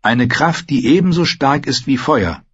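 A man voicing a calm, quietly mysterious young man in an audiobook, speaking slowly and solemnly. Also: medium pitch, husky, muffled recording, voice pushed up.

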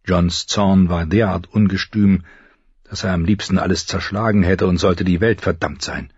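A man reading an audiobook in a low, measured narrating voice, close to the mic. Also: steady tone, darkish tone, breathy edge, dry recording. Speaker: audiobook reader. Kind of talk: scripted narration. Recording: slightly dull recording.

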